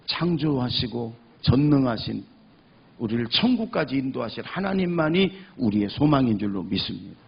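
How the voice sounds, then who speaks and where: A male pastor preaching a passionate sermon, swinging between loud cries and hushed speech and repeating phrases for emphasis. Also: medium pitch, very animated, moderate pace, vocal fry, husky, muffled recording.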